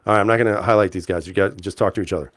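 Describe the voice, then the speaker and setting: A livestream host with a low, steady voice reads viewer comments aloud very fast and answers them in a laid-back, chuckling manner full of fillers and restarts. It's casual live-chat talk, and the recording is dry.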